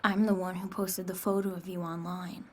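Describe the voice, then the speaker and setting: A woman's voice: on the low side, flat delivery, normal speed, far from the mic, slight background noise, lightly acted. A woman playing a guarded, tomboyish younger sister in an anime dub, boyish in sound, with music behind. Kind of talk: English anime film dub.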